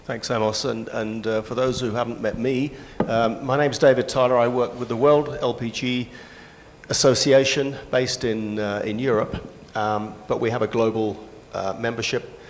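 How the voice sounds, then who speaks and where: A man moderating a conference panel, talking in a relaxed, conversational way with frequent pauses. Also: mid-range voice, a little hiss or hum. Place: large indoor conference hall. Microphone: handheld microphone. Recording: reverberant conference hall PA.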